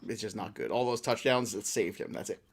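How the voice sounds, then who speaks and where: A man's voice: on the low side, brisk, breathy edge. A man who is a guest on a sports podcast, talking casually, joking and laughing often.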